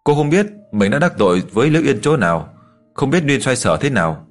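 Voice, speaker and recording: Man reading an audiobook, even steady delivery, mid pitch, soft music under it. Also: fairly quick. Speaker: narrator. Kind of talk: scripted audiobook narration.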